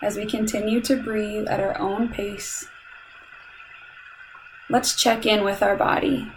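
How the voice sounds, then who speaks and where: Speaking very slowly in a medium-pitched voice, a woman leads a calm, soothing meditation, giving measured instructions broken by long pauses. It's a rough recording, with a light layer of background noise.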